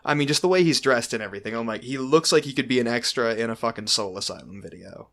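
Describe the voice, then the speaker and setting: A man's voice: medium pitch, fast, fairly bright tone. A man talks casually with a friend, joking and swearing often. His speech rambles and is full of fillers and restarts, in an easygoing, unscripted chat. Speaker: podcast host. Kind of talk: casual chat about a film.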